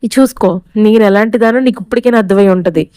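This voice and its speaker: A woman's voice: medium pitch, fast, mellow, smooth, dry recording, studio quality, natural voice. A woman reading the lines of a domineering, scornful woman who scolds and orders. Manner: scolding, commanding.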